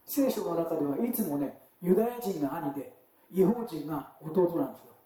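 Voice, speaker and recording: A man's voice: on the high side, fairly quick, warm tone, distant mic. A man preaching a sermon in a church in a chatty, conversational way, often turning to the congregation with questions. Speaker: pastor. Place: church sanctuary. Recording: very echoey church hall.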